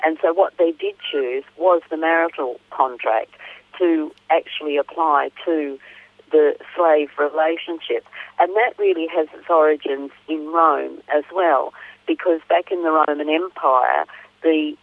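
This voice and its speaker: A woman gives explanatory answers as an interview guest. Her voice is low for a woman and comes through a thin, narrow phone line with no room sound. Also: a little slow, no echo. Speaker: interview guest, author and academic. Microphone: telephone.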